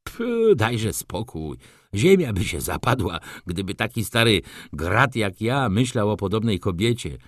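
An excitable old shop clerk, as a man reading the book puts him on, fussing and coaxing in a raised, lively voice that leaps up and down. His talk is eager and chattering, and the dry, close reading leaves no room sound around him. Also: on the low side, a little slow, dry recording. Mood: chattering, gossipy.

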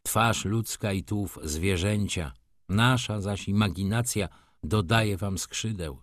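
A man's voice: on the low side, takes it slowly, no echo, clean studio sound. A man reading an audiobook, voicing a bitter, brooding middle-aged merchant who speaks in a restrained, cool way. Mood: cold bitter.

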